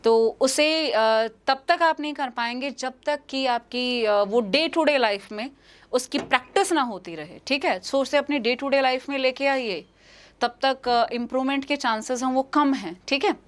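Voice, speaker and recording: The English teacher, a young woman with an Indian accent, speaks in a high voice at a moderate pace during her live exam-prep session. Each question and answer gets repeated, and she refers to her students as "beta."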